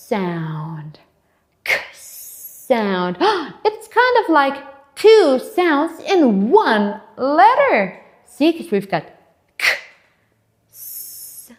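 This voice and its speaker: Woman, children's phonics teacher, very slow deliberate pace, drawn-out letter sounds, encouraging. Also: on the high side. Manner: encouraging, asks children to repeat.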